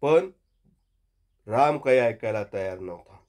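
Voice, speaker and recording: A man's voice: medium pitch, a little slow. A man, a primary school teacher with a Marathi accent, tells a moral story to young children and asks them questions as he goes. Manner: expressive storyteller asking the class questions.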